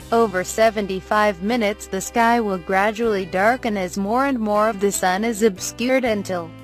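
A woman giving a measured, scripted news narration as a voice-over. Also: mid-range voice.

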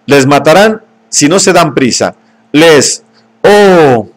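A man reading an audiobook, voicing a timid young man who cries out in shrill panic. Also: sing-song, slow pace, no room sound. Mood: panicked shouting.

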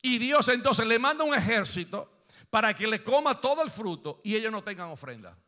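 A man preaches a sermon as pastor, reading scripture aloud and explaining it, his questions rising and some phrases lifting into song. His voice sits high, with big pitch swings, a sharp tone and a fairly quick pace.

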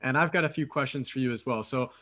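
On a headset in his apartment, a Philadelphia man in his thirties runs a casual podcast interview over video call. He speaks quickly and eagerly in long runs with a few fillers, his medium-pitched voice bright and forceful.

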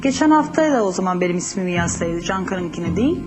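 A woman's voice: lowish voice, animated, fast, music in the background. A woman reality show contestant, probing and sarcastic with a housemate. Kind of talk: arguing in a group confessional.

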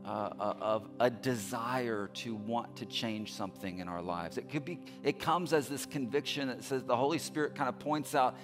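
A middle-aged man preaching a sermon on a large church stage, speaking into a headset mic. He repeats phrases with earnest emphasis, moving between loud urging and quiet appeals. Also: mid-range voice, normal speed, hardly any pauses, music in the background. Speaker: pastor.

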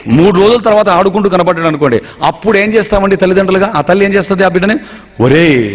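A male preacher giving a dramatic sermon, acting out everyday scenes and putting questions to his listeners. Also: high voice. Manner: dramatic storyteller, acts out dialogue, asks the congregation questions. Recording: long reverb.

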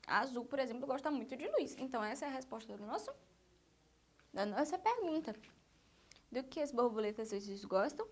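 A woman with a Brazilian accent teaches small children. Her voice sits high and swoops up and down with a sing-song lilt, and she keeps checking that they follow along. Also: expressive, fairly quick, long pauses. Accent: Brazilian Portuguese. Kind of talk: online lesson for young children.

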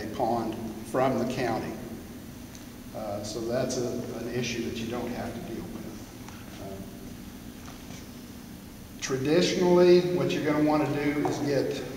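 A middle-aged American man giving a plain-spoken workshop talk, relaxed, with lots of "uh" fillers, recorded from a distant camera in a large gym. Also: medium pitch, a little hiss or hum. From United States. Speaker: conservation agency staff speaker. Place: large gym-like hall with wooden floor, indoors. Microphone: far camera. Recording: very echoey hall, voice from far off.

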